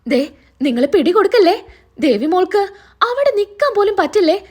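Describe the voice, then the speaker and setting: A woman's voice: extremely high pitch, very animated, moderate pace, darkish tone. A woman voicing a panicked, scheming middle-aged wife urging her husband to flee. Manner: urgent, scolding on the phone.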